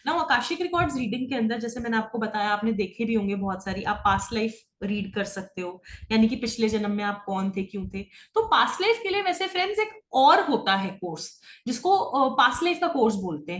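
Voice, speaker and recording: Woman teacher rattling thru a class, higher voice, roomy echo, keeps asking if u get it. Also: expressive, fairly bright tone. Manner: fast, explanatory, asks if students follow. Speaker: Akashic records teacher. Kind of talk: online class lecture, Hindi-English mix.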